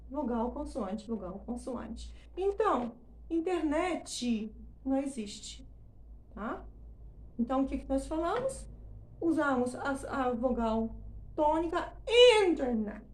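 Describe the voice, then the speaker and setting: Her voice sits high, with a roomy sound, as she explains English pronunciation in Portuguese. She emphatically stretches out example words and keeps asking brief questions to check on her listeners.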